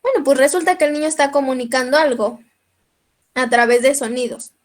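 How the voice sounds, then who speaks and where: A woman with a Mexican accent teaches a lecture in a high voice. She keeps checking that her listeners follow her and clears her throat now and then. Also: fairly even intonation, fairly quick. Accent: Mexican Spanish.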